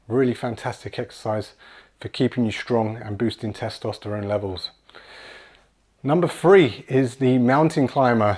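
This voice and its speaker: A man in his forties leads a home workout, relaxed and encouraging as he demonstrates each move. His voice sits at an ordinary middle pitch. He restarts phrases and repeats words as he goes. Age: 40s. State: slightly out of breath at times. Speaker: fitness coach. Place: small room at home with kids' toys.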